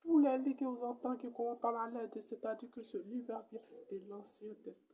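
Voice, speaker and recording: A woman with an Ivorian French accent, a comedian giving a mock Bible lesson and repeating each point slowly like a teacher. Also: on the high side, fairly even intonation, dark tone.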